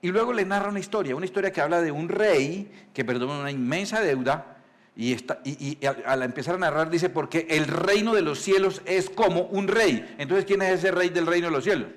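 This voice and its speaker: A male pastor, preaching in a conversational storytelling style, asking the congregation questions and reading scripture slowly. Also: fairly high pitch. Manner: reads scripture slowly and deliberately. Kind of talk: sermon.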